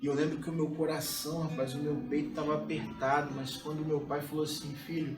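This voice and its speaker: A Brazilian man in his forties preaches a sermon in a rather high voice, speaking to the congregation like friends. He sounds distant from the mic in a reverberant room. Music plays steadily behind him. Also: little pitch movement, quick pace. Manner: conversational, keeps addressing listeners as "cara". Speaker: pastor.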